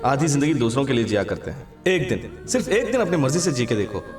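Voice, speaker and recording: A man's voice: medium pitch, sing-song, quick pace, over music, close to an everyday voice. A man dubbing a cheeky young man who playfully teases his sweetheart, laughing as he talks, in a Hindi film dub. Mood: earnest. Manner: playful, teasing, laughing often. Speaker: male lead of a dubbed film.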